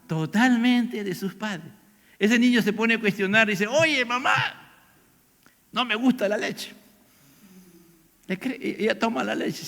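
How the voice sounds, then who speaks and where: In a church hall full of echo, an older man preaches with a Peruvian Spanish accent, his voice high and fairly bright. This pastor questions the congregation and dramatizes the lines he quotes.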